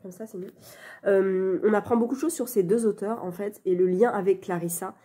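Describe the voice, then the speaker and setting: A woman's voice: medium pitch, steady tone, brisk, dark tone, a little hiss or hum. A woman chatting casually in a reading vlog, talking into her phone with many fillers and restarts. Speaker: book vlogger. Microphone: phone camera. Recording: phone on a stand, dim light.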